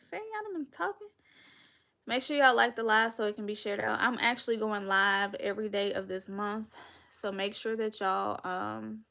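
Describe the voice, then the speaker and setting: A woman in her thirties with a Southern North Carolina accent chats on a livestream podcast. Her voice has a gravelly edge, and she talks straight to her viewers as y'all. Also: medium pitch, a bit bright. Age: 30s. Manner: chatty, addresses viewers as y'all, laughs often. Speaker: podcast host. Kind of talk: casual livestream chat.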